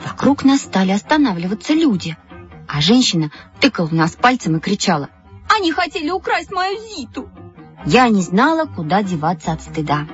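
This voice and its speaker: A woman narrating a first-person children's story in an expressive audiobook reading. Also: fairly low pitch, brisk. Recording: dull audio, faint background music.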